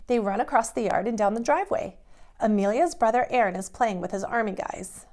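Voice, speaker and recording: Her voice is a little high, a little mellow, and a touch quick. She's a preschool teacher giving young kids simple directions during an expressive storybook reading or drawing lesson.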